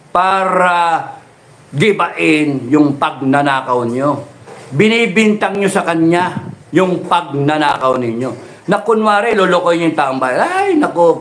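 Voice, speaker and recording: A middle-aged man, delivering an impassioned political rant full of mocking rhetorical questions and swearing. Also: sits high. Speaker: political speaker.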